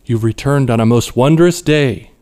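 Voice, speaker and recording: A man voicing a grandiose male cult leader who speaks slowly and solemnly, like a preacher. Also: medium pitch, dark tone, natural voice.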